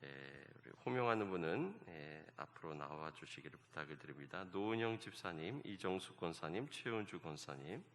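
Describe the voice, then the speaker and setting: Low-pitched male pastor, halting announcements, reverberant sanctuary. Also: animated, a little hiss or hum. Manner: fills pauses with repeated "yes". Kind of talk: church service announcements. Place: church sanctuary. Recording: long church reverb, faint ambience.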